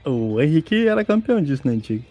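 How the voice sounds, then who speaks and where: A man's voice: fairly high pitch, fast talker, soft background music. A man telling a tabletop game anecdote in casual chat, acting out the characters and laughing as he goes. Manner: animated, acts out guards shouting with laughter. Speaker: podcast guest.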